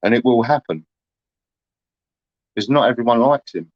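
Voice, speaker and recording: A man's voice: mid-range voice, expressive, normal speed, dry recording, muffled recording. A man, chatting casually to livestream viewers in a rambling, aggrieved way, full of "you know".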